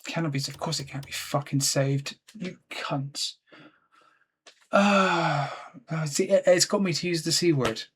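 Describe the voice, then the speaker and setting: A man's voice: a little high, moderate pace, hardly any pauses, a little hiss or hum. A frustrated man giving gameplay commentary at his computer, swearing constantly and talking to himself. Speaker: let's play gamer.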